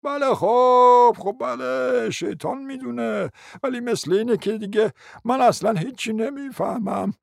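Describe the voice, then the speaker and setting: A man's voice: extremely high pitch, creaky, no echo, studio quality. An actor playing a confused, forgetful old prince in a radio play, stammering and repeating his fillers. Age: older.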